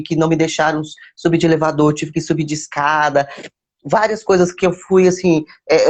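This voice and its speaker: A woman with a deep, darkish voice tells her personal faith testimony to live viewers in a casual storytelling style. She repeats words and phrases for emphasis and calls out to viewers by name in the middle of her story.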